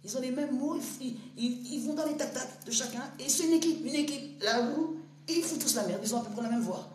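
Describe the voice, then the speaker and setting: A woman giving a rambling spiritual monologue to her online audience. She talks straight to the listener in street slang and swings between hushed whispers and loud outbursts. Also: sits high, brisk. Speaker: spiritual speaker. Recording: roomy echo with faint hum.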